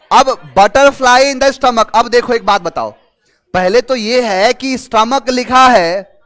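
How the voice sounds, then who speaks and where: A young man teaching English idioms in a casual classroom style, reading out answer choices slowly and mixing in anecdotes. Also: very high voice, fairly bright tone. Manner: explains slowly, reads options aloud, tells anecdotes.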